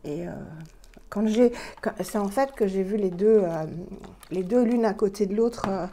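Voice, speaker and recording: A woman's voice: medium pitch, unhurried, mellow, a little hiss or hum. A middle-aged woman, slightly out of breath, chatting casually as she shows skincare products on a home vlog. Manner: chatty, many fillers and restarts, demonstrating products. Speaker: beauty vlogger. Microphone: plugged-in microphone.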